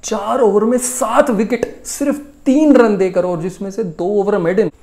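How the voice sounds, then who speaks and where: A man in his twenties from India, speaking with an Indian accent, hosts a casual cricket news rundown from a small room at home. He is conversational and emphatic, repeating key points for effect, in a high-pitched, dark-toned voice at a moderate pace.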